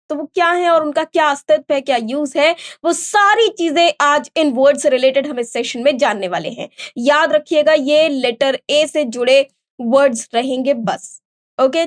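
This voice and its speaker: A woman with an Indian accent and a high voice teaches a vocabulary lesson. She explains each word step by step, asks the class questions and answers them herself.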